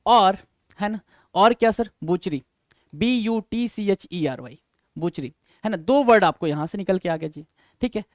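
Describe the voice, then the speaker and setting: Male vocab teacher, high voice, repeats words to drill them in. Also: expressive, a little slow, no echo, studio quality. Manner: repetitive, coaxing, addresses learners as sir and brother. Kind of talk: vocabulary lesson.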